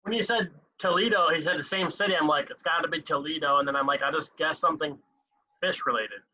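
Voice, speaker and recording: A man's voice: on the high side, fast talker, pushed and bright, muffled recording. A young man co-hosting a casual podcast, bantering and joking with his friends. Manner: joking, laid-back banter. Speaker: podcast co-host. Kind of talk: casual chat.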